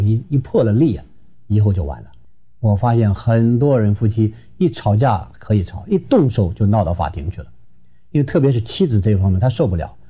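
A man from Shenyang, a marriage counselor giving an advice lecture in a lively, emphatic way. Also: fairly low pitch, breathy edge. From Shenyang, Northeast China. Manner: lively and emphatic, acting out quarrels.

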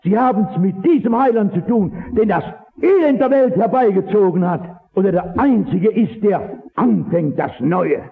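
A man preaching a sermon, impassioned, swinging from loud exhortation to low earnest asides. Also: lively intonation, normal speed, vocal fry, breathy edge. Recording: tinny old radio broadcast.

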